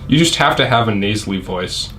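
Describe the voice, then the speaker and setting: A man's voice: on the low side, animated, fairly quick, sharp tone, slight background noise. A man co-hosting a casual podcast chat, rambling, laughing often, and trailing off mid-thought. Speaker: podcast co-host.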